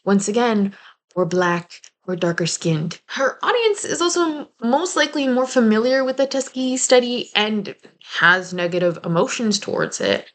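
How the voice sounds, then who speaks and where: A woman's voice: a little high, expressive, moderate pace. A young woman from New Jersey giving a casual video essay commentary, chatty and prone to playful asides. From New Jersey, United States.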